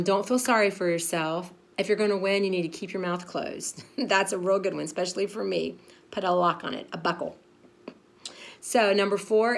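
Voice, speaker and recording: A woman in her fifties, a pastor's wife, giving a frank, chatty devotional talk with lots of fillers and laughing at herself. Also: mid-range voice. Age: 50s.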